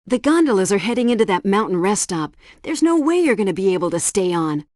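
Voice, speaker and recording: A woman voices a helpful female helpdesk guide in a video game, delivering scripted tutorial instructions with precise, instructive diction. Her natural, darkish voice is medium in pitch with big swings and a brisk pace, recorded close and dry.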